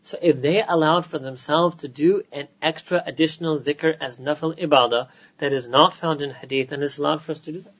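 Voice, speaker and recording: An American man, a scholar, giving a conversational religious lecture to a gathering with quick joking asides. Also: a little high, steady tone, a bit bright, poor audio. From United States.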